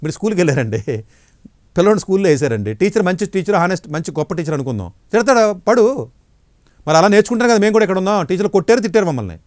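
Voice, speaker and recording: A middle-aged man, an education counselor, giving blunt, forceful answers in an interview. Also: sits high, very animated, very fast, dry recording, clean studio sound.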